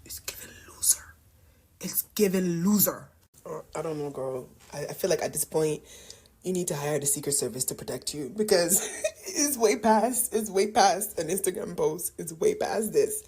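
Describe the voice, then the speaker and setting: A woman's voice: lowish voice, normal speed, warm tone, slightly rough. A woman giving casual social media commentary in a catty, mocking and scornful manner.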